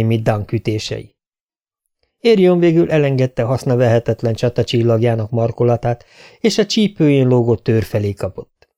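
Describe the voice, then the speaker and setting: Mellow-voiced male audiobook narrator. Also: mid-range voice. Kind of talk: scripted narration.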